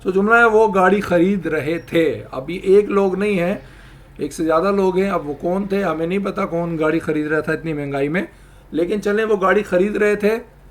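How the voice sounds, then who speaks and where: A man teaching English grammar, explaining slowly and repeating example sentences. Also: sits high. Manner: addresses viewers, asks them to try. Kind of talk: spoken language lesson.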